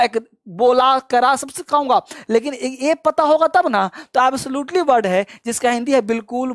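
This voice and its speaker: A man teaching spoken English, repeating phrases slowly and coaxing his students along. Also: very high-pitched, a bit bright, no echo, studio quality. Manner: drills phrases by slow repetition, coaxing and emphatic. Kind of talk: classroom-style language lesson.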